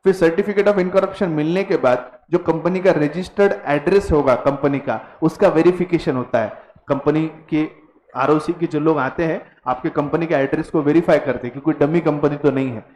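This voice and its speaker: A man's voice: fairly high pitch, moderate pace, darkish tone, slight background noise. Echoey teacher in a classroom, a man. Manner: mixes Hindi and English, drills students to repeat words; teasing, laughs with the class. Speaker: commerce teacher. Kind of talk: classroom lecture.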